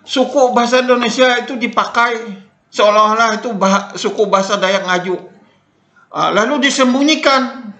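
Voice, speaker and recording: Older man lecturing, bright and echoey. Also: extremely high pitch, normal speed. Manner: repeats points, frequent "nah" and "eh" fillers. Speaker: lecturer on Dayak Ngaju language. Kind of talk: informal spoken lecture. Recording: echoey room.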